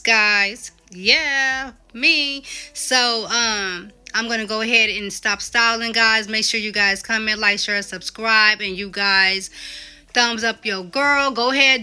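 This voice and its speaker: A woman talks casually to her vlog audience with a gushing, proud reveal manner. Her voice is strikingly bright and forward, with a clean, smooth tone. She keeps it chatty and direct, as a host greeting familiar viewers. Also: medium pitch. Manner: chatty, addresses viewers as guys. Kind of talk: casual vlog intro to camera.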